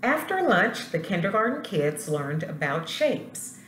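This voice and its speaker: A woman principal reading a storybook aloud to young children, expressive and speaking to them directly. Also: medium pitch, measured pace. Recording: roomy echo, light background noise.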